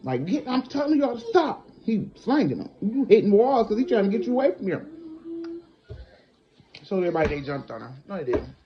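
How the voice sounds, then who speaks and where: Animated, blunt woman telling stories. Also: mid-range voice, a little fast, pauses often, muffled recording. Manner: animated, blunt, acts out quotes. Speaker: storyteller vlogger. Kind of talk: casual personal storytelling.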